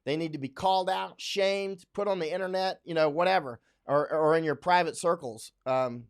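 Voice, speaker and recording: A man's voice: fairly high pitch, moderate pace. A man from Central Florida talking casually on a livestream, rambling with many restarts and fillers. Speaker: livestream host. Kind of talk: casual livestream talk, reading viewer comments. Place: home in Chiang Mai, Thailand.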